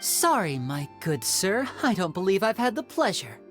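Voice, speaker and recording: A man's voice: sits high, very animated, normal speed, faint music behind. An actor playing a polite, proud young male stage magician in a video game, speaking with formal, theatrical courtesy. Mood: courteous. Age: young adult.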